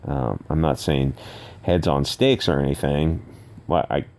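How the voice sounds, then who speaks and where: Low, dark-voiced man rambling sarcastically. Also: measured pace. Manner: rambling and sarcastic, with frequent hesitations. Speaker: channel host. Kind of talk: casual solo commentary.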